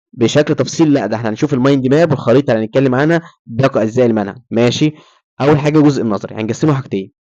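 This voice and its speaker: Quick-talking Egyptian lecturer, dull sound. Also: male voice, mid-range voice, a little mellow. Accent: Egyptian Arabic. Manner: asks students questions and answers them himself. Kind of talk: recorded lecture.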